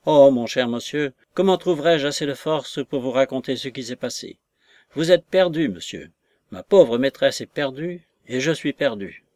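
A man's voice: mid-range voice, normal speed, a little mellow, no echo, close to an everyday voice. A man voicing a distraught lady's maid, a woman who wails and pities herself in a raised, plaintive voice. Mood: lamenting.

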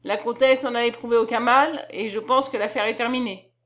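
A woman reading the lines of a smug baron who speaks with smooth scorn and mocks his rival. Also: fairly high pitch, fairly even intonation, brisk, fairly bright tone, natural voice. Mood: scornful. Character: smug, mocking older nobleman, the baron.

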